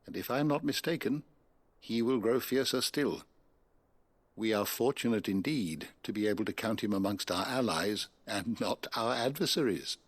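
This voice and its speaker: An actor playing a formal, measured scholar in a video game, speaking over the game's music. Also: male voice, on the low side, lightly acted. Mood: thoughtful. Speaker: game character.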